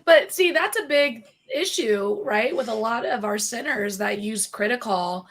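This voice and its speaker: A woman's voice: a little high, measured pace, a bit bright, slight background noise. A woman dispatcher co-hosting a podcast, chatting casually and laughing between points. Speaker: 911 dispatcher and podcast co-host.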